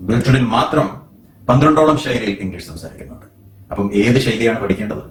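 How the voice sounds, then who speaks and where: Malayali guy teaching english letters, slow careful sound demos, roomy echo, sits back from the mic. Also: medium pitch, animated, distant mic, slight background noise. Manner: slow, deliberate demonstration of sounds. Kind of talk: explanatory lesson.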